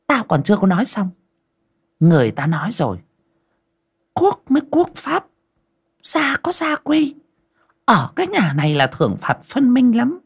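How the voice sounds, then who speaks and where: A shrill, spiteful mistress of the house. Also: male voice, slightly rough, full character voice. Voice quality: sour shrill voice. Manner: scolding, threatening, swaggering. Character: shrill cruel young mistress, wife of master. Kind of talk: audio folk story narration.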